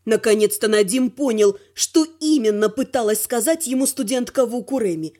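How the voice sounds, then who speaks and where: A woman narrating a first-person fantasy audiobook with a lively, expressive reading. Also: fairly high pitch, moderate pace.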